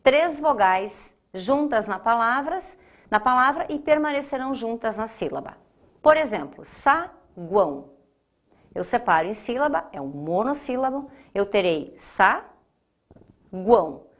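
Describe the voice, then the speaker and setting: A woman teaching a grammar lesson, explaining and repeating key points, slowing down to spell out syllables. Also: a little high, animated.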